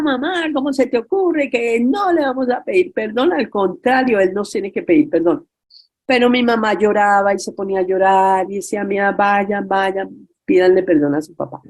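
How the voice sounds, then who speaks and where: An older woman gives a heartfelt spiritual talk on forgiveness. Her voice sits slightly low. She repeats key words for weight and draws on her own life story. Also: darkish tone. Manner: earnest, repetitive, personal testimony. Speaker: religious workshop speaker.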